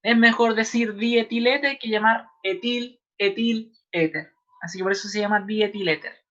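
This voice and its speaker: A woman with a Chilean accent teaching a chemistry class online, patient and repeating terms slowly for her students. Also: medium pitch, fairly bright tone. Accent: Chilean Spanish. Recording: slightly dull lo-fi online class audio.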